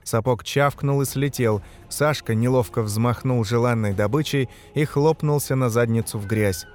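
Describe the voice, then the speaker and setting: A man reading a dark fantasy novel aloud as narrator, shouting the characters' lines in the battle scenes. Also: mid-range voice, normal speed, soft background music. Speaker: audiobook narrator. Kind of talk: scripted narration.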